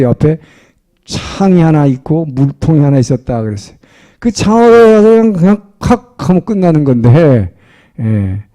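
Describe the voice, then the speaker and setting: A man's voice: fairly high pitch, warm tone. A male pastor preaching a sermon as a storyteller, filling his talk with frequent short affirmations.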